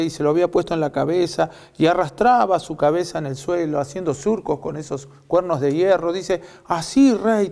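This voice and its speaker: A man with an Argentine accent preaching a sermon, telling a story reflectively with many pauses. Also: on the high side, gravelly, darkish tone. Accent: Argentine Spanish. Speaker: pastor.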